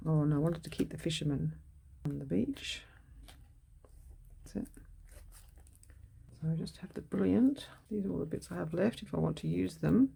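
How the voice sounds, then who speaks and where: Gravelly, mellow-voiced woman crafting. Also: deep voice, normal speed, pauses often. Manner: muses aloud while working, self-correcting. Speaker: craft video host. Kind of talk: casual crafting narration.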